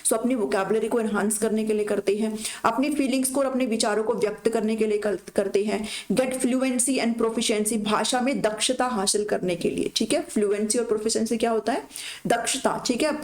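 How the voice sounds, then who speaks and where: A woman's voice: a little high, fairly quick, a little mellow. Echoey woman teaching pedagogy. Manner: explains in Hindi with read-out English lines, frequent "ठीक है" check-ins. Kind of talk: exam-prep lecture.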